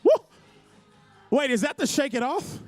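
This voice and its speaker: A man's voice: very high voice, animated, measured pace. A man hosting a live dance contest as a hype announcer, urging the crowd on with exuberant calls and repeated phrases. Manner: exuberant, shouted exhortations with whoops and repeated phrases. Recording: loud music behind the voice.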